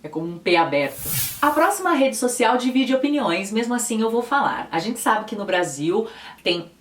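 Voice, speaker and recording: A woman's voice: on the high side, sing-song, moderate pace, a little hiss or hum. A young woman with a São Paulo Brazilian accent, chatting casually as she explains pronunciations in a lesson. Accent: São Paulo Brazilian Portuguese. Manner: chatty, patiently spelling out pronunciations. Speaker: Spanish teacher and video host. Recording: roomy echo, mic a bit distant.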